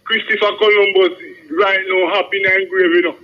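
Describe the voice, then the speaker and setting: A man's voice: high voice, level tone, a little fast. A Jamaican man phoning a radio show, talking casually in rambling, insistent Rastafarian-style Patois and often adding 'you know'. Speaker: radio phone-in caller. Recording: dull lo-fi radio phone-in.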